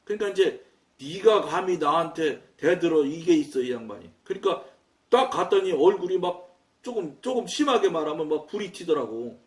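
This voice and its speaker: A man preaching a sermon, telling a story in an animated, loud way and acting out his own quoted words. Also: high-pitched, fairly quick. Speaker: pastor. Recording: echoey room, mic at a distance.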